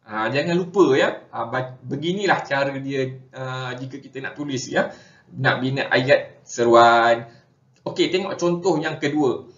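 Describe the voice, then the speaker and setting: A man's voice: medium pitch, unhurried. Chatty Malaysian male teacher, echoey room. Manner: relaxed, chatty, frequent "ha" and "ya" fillers. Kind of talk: online language lesson. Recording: dull echoey room recording.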